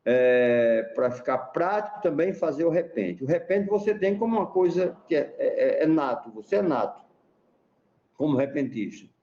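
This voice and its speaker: A man's voice: on the high side, animated, normal speed, mellow. A middle-aged man, explaining things like a teacher in an interview and often asking "né?". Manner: didactic, chatty, asks rhetorical "né?". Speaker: repentista and teacher, interview guest. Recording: echoey room, dull sound.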